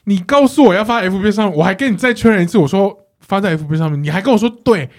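A man, co-hosting a casual chat and telling a story in an animated way, laughing often. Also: sits high, fast talker. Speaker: podcast co-host.

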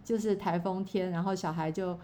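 A middle-aged woman, chatting casually about faith and her songwriting, pausing often with fillers and restarts. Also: lowish voice, steady tone, mellow. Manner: hesitant, many fillers and restarts. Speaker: songwriter and church worker.

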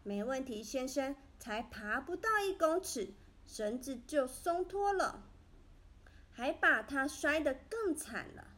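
A woman narrating a children's story in a gentle, expressive way. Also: sits high, takes it slowly.

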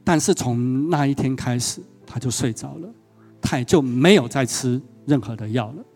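A man's voice: mid-range voice, moderate pace, darkish tone, faint music behind. A male pastor giving a sermon, telling a personal story and often asking the congregation questions.

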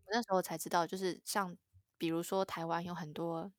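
A woman's voice: fairly low pitch, flat delivery, a little fast, no room sound. Chatty young woman, dry close sound. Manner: laughs often, chatty reactions. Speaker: podcast co-host. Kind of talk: casual chat.

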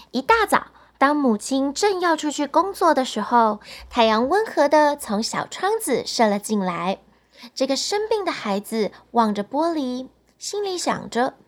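Lady reading a bedtime story to kids, high voice bouncing all over, super animated. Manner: warm, animated, speaks to children directly. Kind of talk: bedtime story narration for children.

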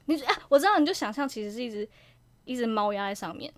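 A young woman chats on a podcast and tells a ghost story. She talks quickly, her pitch rising and falling a lot, and she drops to a hushed voice for the eerie bits. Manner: lively storyteller, drops to a hushed voice for spooky parts. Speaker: podcast co-host. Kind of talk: casual chat, telling a ghost story.

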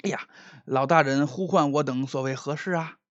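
A man's voice: a little high, moderate pace, fairly bright tone, no echo, muffled recording, lightly acted. A male storyteller voicing an old, short-sighted secretary who speaks deferentially to his master. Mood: puzzled, obsequious. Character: old, half-blind official's secretary, fawning.

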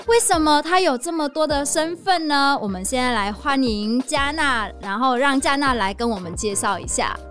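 A woman's voice: high voice, expressive, moderate pace, few pauses, a bit bright, soft background music. A woman from Vietnam hosting a casual interview podcast, chatting in fluent Mandarin. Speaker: podcast host.

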